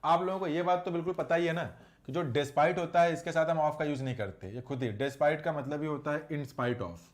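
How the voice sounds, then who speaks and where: A man with a slightly higher voice leads a live online exam-prep lesson in English grammar. He keeps up a chatty patter with a scolding edge toward his students and slows right down to read out each example sentence. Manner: reads English sentences slowly. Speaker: English teacher.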